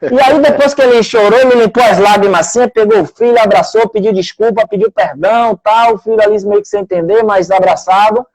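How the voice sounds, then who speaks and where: A man's voice: sits high, animated, a little fast, a little mellow, poor audio. A man with a Brazilian Portuguese accent, a sports coach speaking in a live interview, earnest and conversational as he tells anecdotes and acts out what people said.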